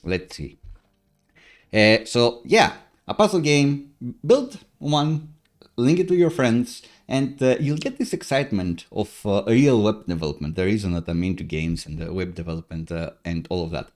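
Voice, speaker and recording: A deep, slightly mellow male voice belongs to a man in his thirties who isn't a native English speaker. He hosts a casual live coding stream from a room at home, staying chatty and upbeat with plenty of filler "uh"s and small laughs.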